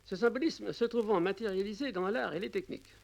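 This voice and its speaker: An older man speaks in a high, creaky voice. He gives learned, assertive interview answers in formal phrasing, recorded on old worn 1950s radio tape. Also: fast talker. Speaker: interviewed author.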